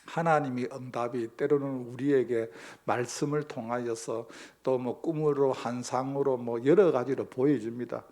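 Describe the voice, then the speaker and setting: A man's voice: mid-range voice, steady tone, normal speed, hardly any pauses, a little mellow. A male pastor, preaching a sermon emphatically and posing rhetorical questions to the congregation.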